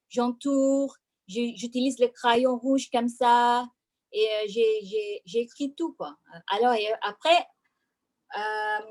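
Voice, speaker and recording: A woman French teacher giving a hesitant online presentation over a video call, with many fillers and restarts. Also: on the high side.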